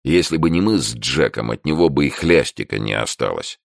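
A man reads a first-person crime story aloud in a measured, dry manner. His voice is extremely deep and gravelly, with a lively rise and fall. The recording is dry and close. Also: no room sound. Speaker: audiobook narrator. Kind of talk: first-person audiobook narration.

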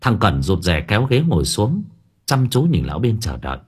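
Audiobook narrator, male, very deep and husky, lively earthy delivery. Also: normal speed. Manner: colloquial, crude and vivid. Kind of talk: storytelling narration.

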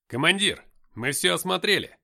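A man voicing an excitable male soldier who talks high and loud. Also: moderate pace, gravelly, exaggerated voice. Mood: excited.

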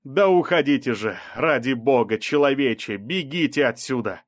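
A man voicing a male doctor urgently shouting warnings to leave. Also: medium pitch, expressive, moderate pace, no echo, studio quality, lightly acted.

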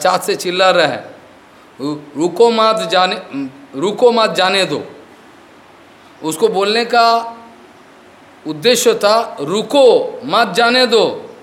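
A man's voice: high-pitched, a bit bright. A man giving a devotional discourse as a spiritual teacher, explaining with stories, slipping in English words and often asking whether his listeners have understood.

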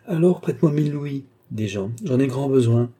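A man voicing a lazy, phlegmatic brother who answers in short, flat replies, in an audiobook reading. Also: medium pitch, normal speed, breathy edge, pitched above the performer's own voice.

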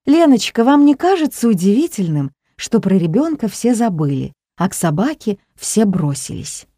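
A woman's voice: mid-range voice, very animated, moderate pace, mellow, no room sound, clean studio sound. A woman doing a fussy, theatrical grandmother. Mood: plaintive. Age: older. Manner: dramatic, gasping, fond of odd pronouncements.

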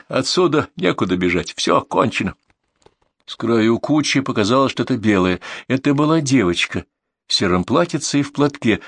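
A man's voice: fairly low pitch, no echo. A man narrating a first-person audiobook in a tense, dramatic way, recorded in a dry booth.

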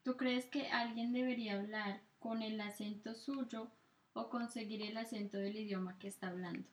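A woman, co-hosting a casual chat and asking quick, lively questions. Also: fairly high pitch. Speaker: podcast co-host. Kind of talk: casual conversation.

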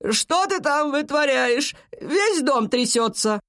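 A storybook narrator voicing a grandmother who calls loudly up the stairs, fussing. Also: high voice, animated, slow, voice pushed up, full character voice. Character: grandmother calling from downstairs.

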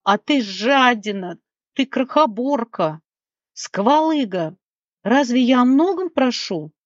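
Audiobook: woman voicing a greedy little gnome, whiny, high, sulky; dull dry read. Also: lively intonation, slow, no echo. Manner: wailing, sulky and pleading. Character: small whiny greedy male gnome, tearful. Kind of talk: audiobook character voice.

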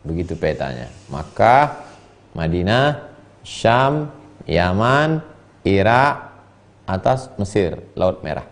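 A man preaching and teaching from a classical text. He reads Arabic phrases, explains them slowly and acts out the people in his stories with sudden high-pitched voices. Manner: animated storyteller, voicing characters with sharp pitch jumps.

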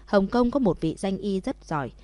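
Steady storybook narrator, woman, mellow tone, dry close mic. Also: mid-range voice, moderate pace, no room sound.

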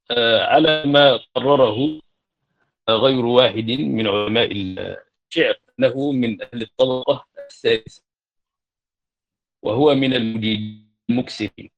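A man teaching Arabic grammar in a classroom lecture, explaining step by step with hesitant fillers and self-corrections, and reciting verses in a slower chant. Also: mid-range voice. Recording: dull lo-fi lecture recording.

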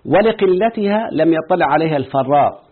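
Here a sheikh with an Egyptian accent works through an Arabic grammar text, checking his students again and again with questions. He sounds a little high, animated and a little fast, over a tinny, phone-like line.

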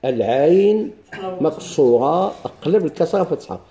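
A man's voice: on the high side, expressive, normal speed, warm tone. A man with a Moroccan accent teaching a grammar lesson, explaining step by step and quizzing his students with questions.

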